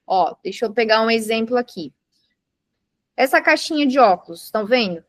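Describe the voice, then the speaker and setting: Speaking briskly with lively intonation and a fairly high pitch, a mindfulness instructor works with a live group in an indoor room. She explains patiently using everyday examples and asks the class questions, all in a dry recording with clean studio sound.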